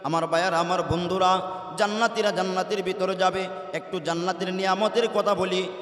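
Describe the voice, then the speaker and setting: A high-pitched man preaches a sermon in a melodic, chanting delivery, his tone bright and forceful. He is heard from a distance, and his voice rings with a long echo through a large hall. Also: steady tone, a little fast.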